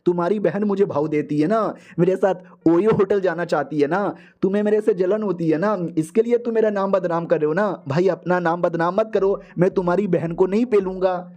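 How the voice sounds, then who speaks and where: A man's voice: high voice, a little fast, few pauses, dark tone, muffled recording, close to an everyday voice. A man voicing a sleazy, scheming male cultivator villain who plays innocent, whiny and theatrical. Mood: smug.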